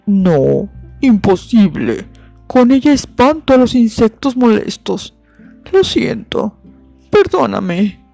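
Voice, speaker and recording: A woman's voice: a little high, sing-song, takes it slowly, gravelly, dark tone, dry recording, faint music behind, voice pushed up, exaggerated voice. A woman doing a sturdy, patient ox. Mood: firm. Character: big, patient ox.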